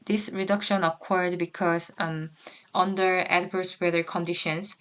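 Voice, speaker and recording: A woman with a lowish, fairly bright voice, a Korean-native graduate student, reads her research results in English carefully, with small halts and restarts. It's a slightly dull recording.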